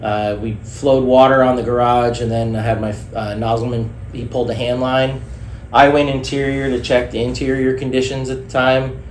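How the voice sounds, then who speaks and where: A man's voice: mid-range voice, flat delivery, normal speed. A male firefighter recounting an incident response in a hesitant, procedural way. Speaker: firefighter, engine company officer. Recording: echoey room with faint noise.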